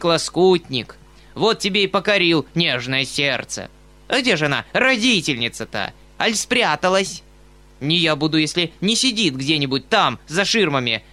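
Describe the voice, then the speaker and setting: Мужчина играет яростного помещика, что орёт и издевается; напряжённый, звонкий тембр. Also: male voice, fairly high pitch, bright, forceful tone. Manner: roaring, bellowing. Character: gruff angry provincial landowner.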